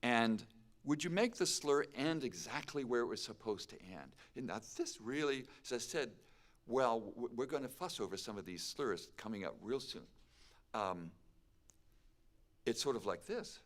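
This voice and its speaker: A man's voice: medium pitch, expressive, normal speed. A man teaching a piano masterclass, chatty and full of questions for his students, with piano playing between remarks. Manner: chatty, asks the class questions.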